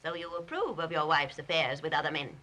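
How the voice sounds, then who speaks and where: Imperious scheming rich sister, sharp and forceful. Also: female voice, deep voice, brisk. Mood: sly, cutting. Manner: imperious, clipped, insinuating. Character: domineering, wealthy older sister, coldly scheming and suspicious. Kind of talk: 1930s Hollywood film melodrama. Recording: 1930s film soundtrack.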